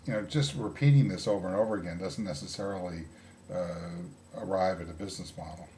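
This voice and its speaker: A man interviewing in a comedy sketch, hesitating often with drawn-out fillers. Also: deep voice, dark tone, slight background noise. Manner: hesitant, full of "uh" fillers, dry.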